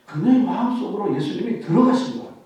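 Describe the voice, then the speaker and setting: A male pastor preaching a sermon, putting rhetorical questions to his congregation and dropping to a hush for quoted words. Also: high voice, fast, very echoey, recorded from a distance, rough recording. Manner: animated preaching, softening to a hush when quoting Jesus.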